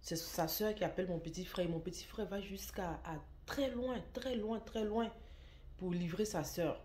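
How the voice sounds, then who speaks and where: A woman tells a personal story to her viewers, stressing points by repeating words. Her voice sits low and mellow. The recording carries a roomy echo. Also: normal speed, a little hiss or hum. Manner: emphatic, repeats words for stress, lively when quoting. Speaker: online shop owner telling a story. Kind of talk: casual storytelling vlog. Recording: echoey room.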